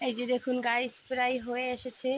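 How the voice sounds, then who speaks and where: A woman's voice: fairly high pitch, fairly quick, slight background noise. A woman vlogger talks viewers through a recipe step by step while she cooks at a home wood-fired stove. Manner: steady step-by-step narration, addresses viewers as friends. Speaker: cooking vlogger. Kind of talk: casual cooking demonstration.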